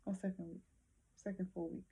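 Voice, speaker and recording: Low gravelly woman, hesitant and unhurried. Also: little pitch movement, dark tone. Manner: hesitant, thinking aloud with many fillers. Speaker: vlogger. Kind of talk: casual late-night personal vlog.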